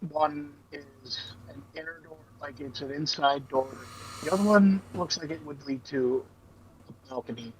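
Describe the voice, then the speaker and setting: A man running a tabletop game as game master over a voice call, soft-spoken, his audio choppy and cutting out as his phrases trail off. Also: fairly high pitch, measured pace, slight background noise, poor audio. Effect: choppy audio cutting out at phrase ends. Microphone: voice call mic, quiet.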